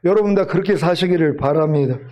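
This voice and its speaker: A man preaches a sermon with earnest exhortation and a playful nudge at his listeners. His voice sits notably high for a man. He talks straight to the congregation as their pastor. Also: fast, darkish tone.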